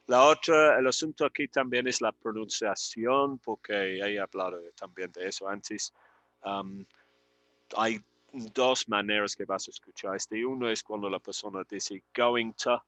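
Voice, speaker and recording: Slow, bright-voiced male language teacher. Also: lowish voice, fairly even intonation, no room sound. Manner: slow, patient, repeats example sentences for students. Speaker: English teacher. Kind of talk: live online language class.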